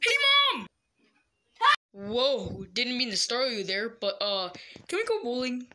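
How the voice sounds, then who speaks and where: A performer voicing an excitable, easily panicked little boy who talks to himself. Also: mid-range voice, moderate pace, slight background noise, close to an everyday voice. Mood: cheeky.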